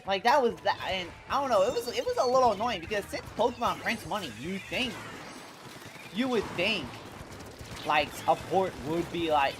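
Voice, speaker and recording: Speaking at a normal speed with a medium pitch and lively intonation, a congested streamer casually chats about games over background music. He or she swears, uses slang, and keeps repeating and restarting phrases.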